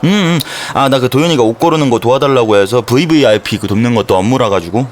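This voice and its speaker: An actor playing a brash, excitable young buddy in a romance audio drama, teasing and blustery, stammering and exclaiming as he talks. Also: medium pitch, quick pace, a little hiss or hum, close to an everyday voice. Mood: surprised, chatty.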